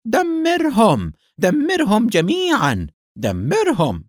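A man voicing a tall, ruthless male villain who shouts threats and mocks his enemy. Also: fairly low pitch, sing-song, moderate pace, slightly rough, no room sound, clean studio sound. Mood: furious.

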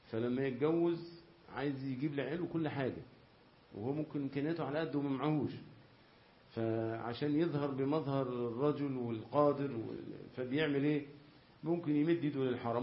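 A man with an Egyptian accent, a religious teacher giving a lesson on a classical text. He reads passages in formal Arabic, then explains them in everyday speech and asks his listeners rhetorical questions. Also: medium pitch. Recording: roomy, slightly dull lecture recording.

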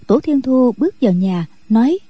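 A woman narrating a story for radio in a steady, measured voice. Her tone is very dark and mellow with a husky edge, somewhat higher than most women, and recorded dry and close. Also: dry recording.

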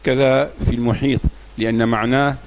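A man reads passages of a classical legal text aloud at a mid pitch. His recitation is plain and steady, pausing for the teacher's explanations. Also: low-quality recording. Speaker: student reading the text aloud.

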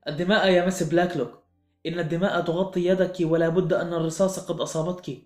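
A man puts on a panicked young servant woman in an audiobook, crying out in hysteria. The pitch is a touch high. A roomy echo and faint music sit behind her. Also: little pitch movement, quick pace, natural voice. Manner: hysterical, screaming. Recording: echoey room with faint music.

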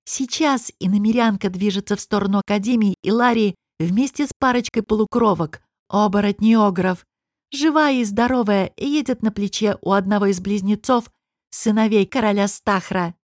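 A woman's voice: mid-range voice, normal speed, darkish tone, no room sound, clean studio sound, natural voice. A woman voicing an irritable male court official who growls and mocks. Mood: sarcastic. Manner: growling, sarcastic.

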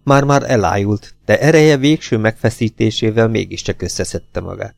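A man narrating an audiobook in a measured, composed way, asking pointed questions. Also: fairly low pitch, creaky, no echo, studio quality. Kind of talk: audiobook reading.

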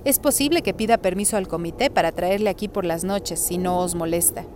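A woman's voice: on the low side, a little fast, darkish tone, slight background noise, natural voice. A woman voicing a kind father who looks after newborns, speaking in an earnest, reassuring way.

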